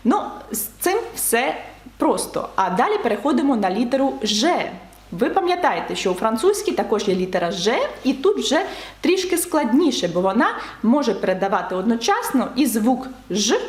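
A woman's voice: on the high side, very animated, echoey room. Patient woman teaching a language lesson. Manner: patient, spells out letters and repeats example words slowly.

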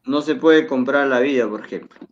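A man's voice: mid-range voice, a little fast, highs cut off, a loud crowd. A man teaching a televised language lesson, patiently explaining and repeating words for pronunciation.

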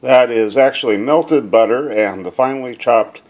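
A man's voice: mid-range voice, moderate pace, a little mellow. A man casually narrating a home cooking video in his kitchen, rambling and folksy with lots of fillers.

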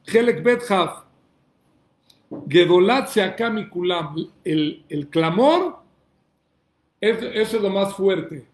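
Male rabbi, fiery question-and-answer sermon delivery, high-pitched, recorded in a reverberant room. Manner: emphatic preacher, asks and answers his own questions, shouts calls to God.

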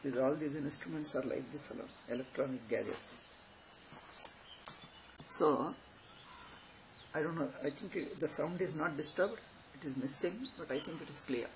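A man's voice: a little high, moderate pace, pauses often. A man in his sixties with a South Indian accent, giving an informal spiritual lecture in a didactic, repetitive, questioning manner. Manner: didactic, repeats phrases and poses questions. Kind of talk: informal explanatory lecture on scripture with Sanskrit terms. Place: small plain room indoors. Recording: noisy amateur home recording.

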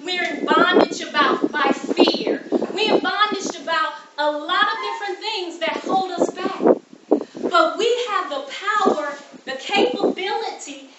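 A woman's voice: extremely high pitch, roomy sound, recorded from a distance, muffled recording, very noisy. A woman from the United States giving a keynote speech at a graduation, emphatic, repeating key phrases and putting questions to the audience. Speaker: keynote speaker. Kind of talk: motivational speech. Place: graduation ceremony room.

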